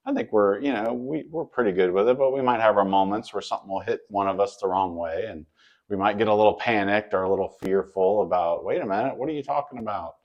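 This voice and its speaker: Lower-voiced guy on a faith podcast, earnest, acts out little quotes. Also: brisk, highs cut off. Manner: earnest and animated, acting out quoted dialogue. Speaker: co-host.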